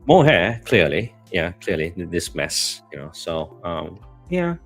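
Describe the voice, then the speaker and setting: A man's voice: deep voice, very animated, a little slow, faint music behind. A man with a Malaysian accent co-hosting a casual live chat, talking in a hesitant, rambling way. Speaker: co-host of a live stream.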